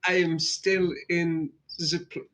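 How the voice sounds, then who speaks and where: A male player with a bright, tense voice pitched a little high. He speaks playfully, slipping into theatrical character speech. Recorded on a desk mic during an online session. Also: flat delivery, slow. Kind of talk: playing a tabletop game, casual chat.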